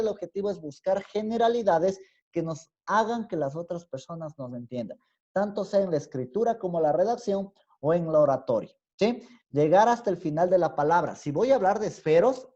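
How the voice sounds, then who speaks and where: A man with an Ecuadorian highland accent lectures in an online class in a mellow, darker voice. He explains patiently and often stops on a rising "¿sí?" to check that students follow. The audio is dull and lo-fi, as from a video call. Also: expressive, normal speed. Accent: Ecuadorian highland Spanish. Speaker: university teacher. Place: home room on a video call. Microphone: computer mic on a video call.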